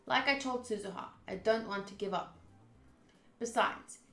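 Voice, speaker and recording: This woman's fairly bright voice sits a little high and moves at a moderate pace. She's streaming a visual novel, voicing its narration with offhand reactions while game music plays, all on a roomy, echoing track.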